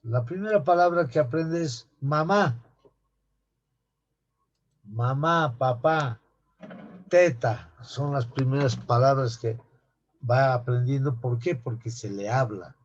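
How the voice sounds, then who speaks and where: A man with a mid-range voice gives an anatomy lecture to students slowly, pausing often, on a dull lo-fi classroom recording. He frequently asks rhetorical questions and addresses his listeners as "young people."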